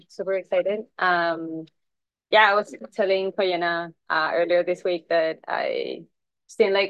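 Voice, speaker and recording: A woman's voice: fairly low pitch, no room sound, lo-fi sound. Chilean woman giving a casual research talk, dry sound. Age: young adult. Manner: casual, many fillers like "like" and "um". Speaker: visiting PhD researcher presenting a talk. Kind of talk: research presentation.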